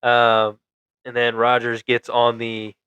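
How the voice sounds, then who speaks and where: Man, podcast co-host, rambling and eager, smooth resonant tone, dry close mic. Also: medium pitch, completely flat delivery, slow, pushed and bright, no room sound, highs cut off. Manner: enthusiastic, rambling, laughs easily. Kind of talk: casual movie review chat.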